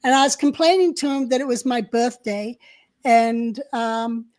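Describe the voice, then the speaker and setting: A woman's voice: a little high, unhurried, a little mellow. An older woman co-hosting a live-stream chat, telling stories from her past in a chatty way with plenty of fillers. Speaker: co-host.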